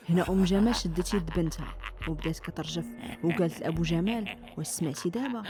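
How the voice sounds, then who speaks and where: A woman's voice: medium pitch, warm tone. A woman with a Moroccan accent narrating a scripted horror story in a dramatic, suspenseful way. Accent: Moroccan Arabic.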